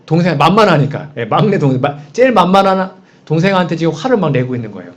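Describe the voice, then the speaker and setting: A man's voice: a little high, very animated, fast. A man preaching a sermon in a conversational way, posing frequent rhetorical questions to the congregation. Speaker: pastor. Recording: dull, muffled sound.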